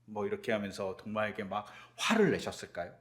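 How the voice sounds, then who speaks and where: A man's voice: lowish voice, brisk, fairly bright tone. A man preaching a sermon as pastor, asking rhetorical questions and acting out quoted speech.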